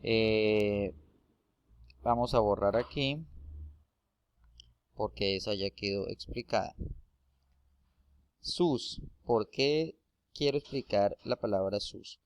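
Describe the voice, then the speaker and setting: Slow, patient man explaining a lesson. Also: on the low side, clean tone, no room sound. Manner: slow, patient, repeats and checks with "¿sí?". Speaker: English teacher. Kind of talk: classroom explanation.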